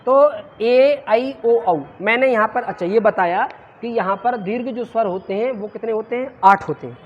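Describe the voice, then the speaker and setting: Female Sanskrit teacher, classroom lecture, quizzing style, muffled lo-fi recording. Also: fairly high pitch. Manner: quizzes the class and answers her own questions; drawn-out sounds in demonstrations. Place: classroom with students present. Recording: muffled lo-fi with faint noise.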